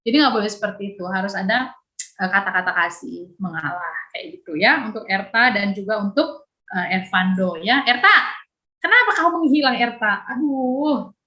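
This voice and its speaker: A woman, teaching a youth Bible lesson over a video call. She chats lively, laughs often and acts out dialogue. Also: mid-range voice, normal speed.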